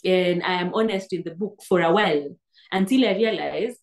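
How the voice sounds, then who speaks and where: A Kenyan woman with a fairly low voice talks at a moderate pace, earnestly and with frequent word restarts. She's a PhD graduate being interviewed as a guest over video call. Seated on a sofa indoors, she's picked up by a laptop webcam.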